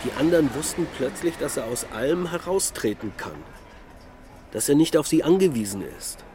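A fairly high-pitched, animated man speaks at a moderate pace, close to an everyday voice. He's an actor playing a melancholic middle-aged husband and father in a naturalistic radio drama, musing in short, reflective, unsettled sentences over loud urban traffic.

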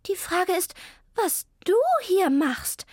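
A high, shrill female cat from a children's audiobook, quick to outrage and sprinkling her protests with meows, as a woman puts her on. The voice climbs far above the narrator's usual pitch and stays close and dry on the mic. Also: a little mellow, dry recording. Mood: scolding. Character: excitable indignant female cat.

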